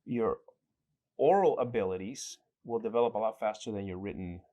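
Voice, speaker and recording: A man's voice: fairly low pitch, moderate pace, dark tone, dull audio. A man from El Salvador, a guest in an interview, telling his story reflectively, with frequent restarts and fillers. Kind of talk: conversational interview.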